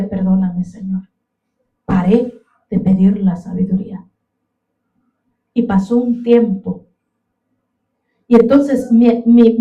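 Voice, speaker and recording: A woman's voice: on the high side, mellow, distant mic, lo-fi sound. A woman preaching a fervent sermon in a church, often calling out to her brothers and sisters in the congregation. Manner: fervent, addresses listeners as brothers. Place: church sanctuary. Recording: echoey room, voice from off the mic.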